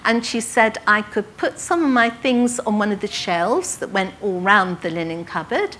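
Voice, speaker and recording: An older woman from England recounting her early writing career to an audience, in a lively anecdotal way with quoted dialogue. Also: medium pitch, normal speed, a little hiss or hum. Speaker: author telling her life story. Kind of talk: storytelling talk to an audience.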